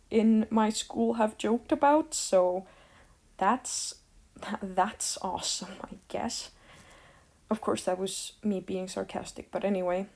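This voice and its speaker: A woman's voice: mid-range voice, mellow. A teenage girl from Iceland ranting casually to the camera, rambling with lots of fillers and a sarcastic edge. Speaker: vlogger.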